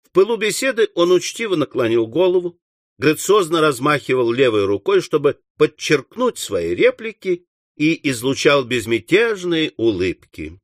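A male audiobook narrator telling a classic comic novel in measured, even storytelling. His voice sits a bit higher than most men's. The recording is dry and close, with no room sound. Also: no room sound. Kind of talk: scripted literary narration.

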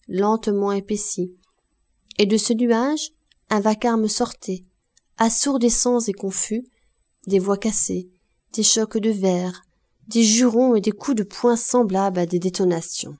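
An audiobook reader narrates a classic novel aloud in a measured, expressive way, her voice medium-pitched.

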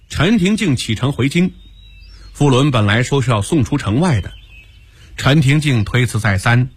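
Animated male storyteller. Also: mid-range voice, breathy edge. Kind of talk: dramatic Chinese storytelling narration.

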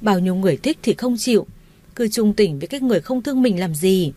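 A woman's voice: medium pitch, lively intonation, quick pace, dark tone, close to an everyday voice. A woman voicing a meddling, quarrelsome middle-aged stepmother in a read-aloud story, nagging and wailing.

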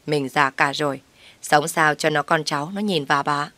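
Brief: blunt, unflustered older mother, read by a woman, low and dry. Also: fairly even intonation, normal speed, sharp tone, no echo. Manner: blunt and frank.

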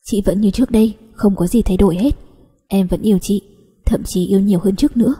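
A woman narrator puts on a young cousin who is protective and tender, coaxing one moment and scolding the next. The voice stays dark and husky, with a long reverb behind it, as in an audio storybook. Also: medium pitch, fast talker, natural voice.

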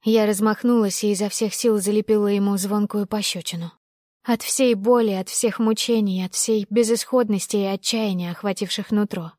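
A woman narrating a novel in first person with a steady, expressive reading. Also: medium pitch, normal speed, no room sound, clean studio sound. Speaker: audiobook narrator.

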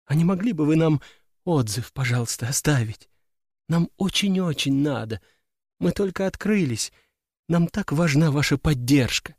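A man's voice: medium pitch, lively intonation, normal speed, dry recording, clean studio sound. A man voicing a shrewd young woman who runs a clinic, talking in a practical, coaxing way in an audiobook. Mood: pleading. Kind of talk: audiobook character voice.

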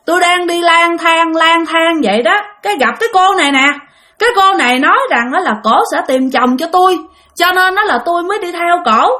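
A woman voicing the lost ghost of a dead woman searching for her husband, speaking in a halting, plaintive way. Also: very high voice, bright, forceful tone, voice pushed up. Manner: plaintive, halting with many "hả" fillers.

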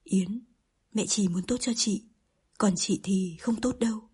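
A woman narrator voicing a gentle, sad young woman speaking softly to her mother in an audiobook. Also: medium pitch, measured pace, breathy edge. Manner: soft, gentle.

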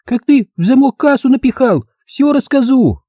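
A man's voice: very high-pitched, expressive, normal speed, mellow, no room sound, studio quality, voice pushed up. A man voicing a small girl who shrieks and scolds while playing house. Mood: scolding.

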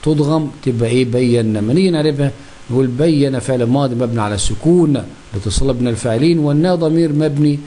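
A man's voice: medium pitch, racing, mellow. A man with an Egyptian accent teaching a grammar lesson, asking questions and answering them himself. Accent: Egyptian Arabic.

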